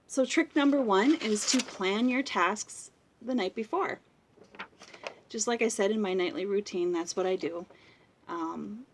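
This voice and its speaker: A woman in her thirties, a mother and blogger, talking casually and rambling to viewers on a live stream, laughing often and drifting off topic. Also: medium pitch. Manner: chatty, rambling, laughs often, goes off on tangents. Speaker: blogger hosting a Facebook live.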